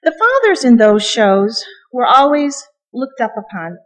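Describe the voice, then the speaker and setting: A woman's voice: fairly high pitch, very animated, measured pace, fairly bright tone. A middle-aged woman preaching a conversational sermon from the pulpit, chatty and joking, with frequent ums. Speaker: guest preacher. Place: church sanctuary. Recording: long reverb of a church hall.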